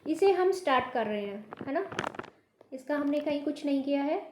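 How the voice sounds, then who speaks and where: A woman teaching a Hindi class, patiently repeating each word slowly to show how it should sound. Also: high-pitched, lively intonation, reverberant, background noise. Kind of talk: online language lesson.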